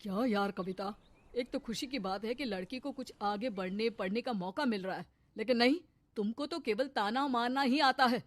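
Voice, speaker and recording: A woman's voice: a little high, normal speed, no echo, lightly acted. A woman voicing a firm middle-aged husband and father who scolds matter-of-factly in a cartoon story.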